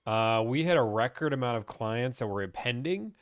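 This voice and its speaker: A man's voice: mid-range voice, animated, moderate pace, no echo, clean studio sound. A young man from Pittsburgh, chatting casually as he reads and answers viewer questions about car buying on a live stream.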